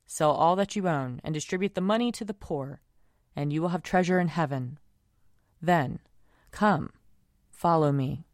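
A woman worship leader reading scripture and prayers aloud in a solemn, measured, formal way. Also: sits low, no room sound, clean studio sound. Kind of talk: liturgical reading and recited prayer.

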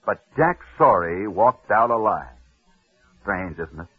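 Slow and expressive, a man with a lowish, slightly rough voice hosts a sports story show. He tells tales and reads ads in punchy, dramatic 1940s radio fashion, with sudden drops, heard through a tinny old broadcast.

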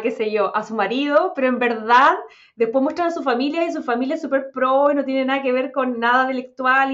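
A woman with a Chilean accent in a fast, chatty conversation, full of slang fillers. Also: a little high, lo-fi sound. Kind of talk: casual chat.

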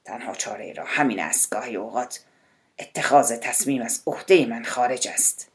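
A woman voicing an agitated middle-aged male director-general who is tense and commanding, sometimes shouting. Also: low-pitched, natural voice. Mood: muttering, worried.

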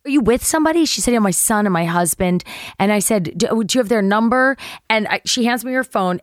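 A middle-aged woman at home, a guest telling a funny anecdote and acting out other people's lines with big jumps in pitch. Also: dry recording, clean studio sound. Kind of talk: casual storytelling anecdote.

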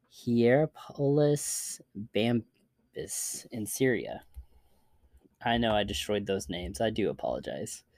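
A man's voice: medium pitch, darkish tone, no echo. A man hosting a podcast, reading articles aloud in scripted narration. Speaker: podcast host.

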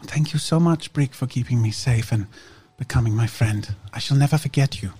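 A man voicing a gentle, polite young noblewoman far from home, speaking formally and earnestly. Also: mid-range voice, normal speed, slightly rough, close to an everyday voice. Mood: earnest, grateful. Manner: formal, earnest and soft-spoken.

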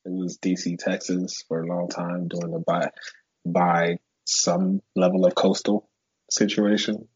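A man in his thirties with a husky, lowish voice, chatting excitably as a podcast co-host. His sound is muffled and lo-fi, like remote call audio. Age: 30s. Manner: excitable, exclaiming. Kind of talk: casual chat.

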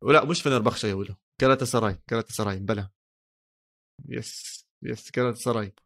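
Male sports podcast co-host, Levantine Arabic accent, very rapid delivery, casual bantering style. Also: mid-range voice, vocal fry, fairly bright tone.

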